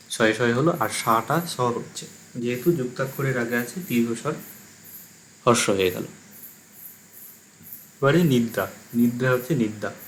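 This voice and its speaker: A man with a Bengali accent teaching a recorded language lesson, explaining word pairs one after another in a steady way. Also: mid-range voice, slight background noise, poor audio.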